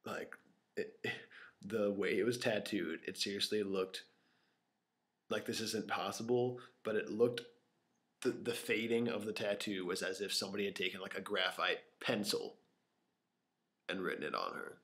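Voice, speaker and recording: Talking at normal speed with long pauses, this young man rambles through casual stories to camera, leaning on fillers and at times whispering. His lowish voice has a fairly bright tone, picked up by a camera mic in a small bare room.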